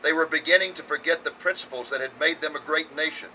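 A man's voice: on the high side, fast talker, pushed and bright, far from the mic, a little hiss or hum, rough recording. A man reading a sermon aloud with earnest, emphatic oratory, outdoors on a hilltop. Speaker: preacher.

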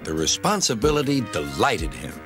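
A man narrating a children's train story in a gentle, expressive storytelling manner. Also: on the low side, moderate pace. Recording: narration over music.

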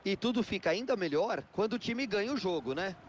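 A man with a Brazilian Portuguese accent giving measured analysis as color commentator in a football video game. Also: sits high, animated, a little hiss or hum.

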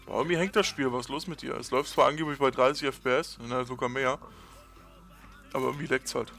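A man giving casual gameplay commentary, often muttering low and swearing at the game. His voice sits in a middle pitch. Faint game music plays behind him. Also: fairly even intonation, quick pace, fairly bright tone. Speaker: let's player.

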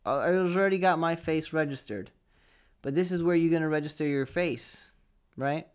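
A young adult man's high-leaning voice sounds clear and resonant at a moderate pace. Recorded on a close desk mic in his small, foam-treated home studio, he delivers a conversational, step-by-step tech tutorial and checks in with the listener often.

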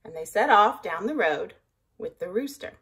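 A woman's voice: mid-range voice, animated, normal speed, fairly bright tone, slightly rough. A woman reading a picture book aloud like a teacher, patiently stopping to count along.

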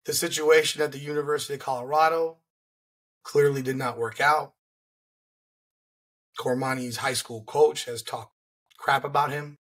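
Hoarse male sports podcast host. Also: mid-range voice, steady tone, moderate pace, pauses often, a bit bright. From South Florida. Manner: conversational, opinionated. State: hoarse voice from flu. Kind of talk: sports rant to camera. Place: furnished home room, indoors. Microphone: large desk microphone close to the mouth.

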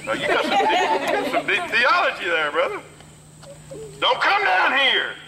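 Fiery street preacher, megaphone. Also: male voice, extremely high pitch, huge pitch swings, normal speed, over a noisy crowd, heavy background noise. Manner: fiery call-and-response preaching. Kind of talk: outdoor sermon through a megaphone. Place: outdoors on a parking lot with children. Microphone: handheld megaphone.

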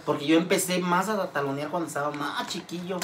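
Guy, the host's buddy, slightly higher voice, short replies, faint noise behind. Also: fairly quick. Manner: brief chatty replies and asides. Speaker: friend of the host. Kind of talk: casual chat.

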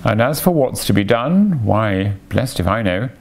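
A man's voice: lowish voice, very animated, unhurried, a little mellow, heavily acted. A man voicing a grumpy, blunt, exclamatory mole in an animal storybook. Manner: grumbling, exclamatory.

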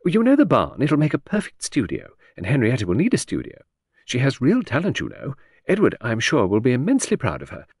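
A man's voice: mid-range voice, wildly swooping pitch, brisk, a little mellow, slightly rough, no echo, clean studio sound, pitched above the performer's own voice. A man voicing a flighty older aristocratic lady who chatters and rambles breezily. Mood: dreamy.

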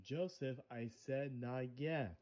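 A man's voice: mid-range voice, takes it slowly, darkish tone, lightly acted. A man voicing a short-tempered puppet cook in an amateur puppet show, stern, scolding and threatening. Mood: annoyed.

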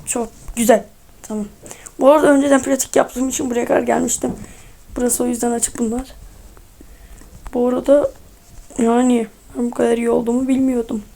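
A woman's voice: a little high, flat delivery, a little fast, creaky, long pauses, mellow. A young woman commenting casually as she plays a game, exasperated, muttering and swearing at it. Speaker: gaming streamer.

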